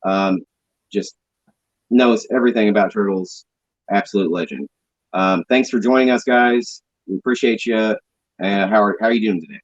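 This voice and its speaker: A man's voice: on the low side, moderate pace, no room sound, muffled recording. A man hosting a casual toy chat over a video call, friendly with lots of ums. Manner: friendly, filler-heavy, apologetic. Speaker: podcast host.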